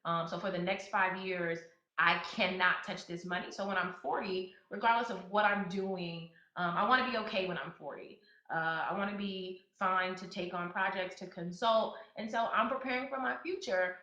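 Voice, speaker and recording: A woman's voice: mid-range voice, moderate pace, sharp tone. A woman in her thirties hosting a podcast, talking casually with fillers and restarts and turning emphatic when she gives advice. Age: 30s. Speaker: podcast host. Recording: echoey, slightly dull sound.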